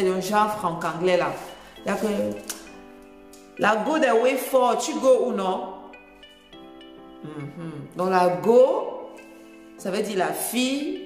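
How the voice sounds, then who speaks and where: A woman's voice: mid-range voice, roomy sound, long reverb tail. A woman from Cameroon with a Cameroonian French accent, chatting casually as a vlogger, explaining and repeating phrases and laughing often.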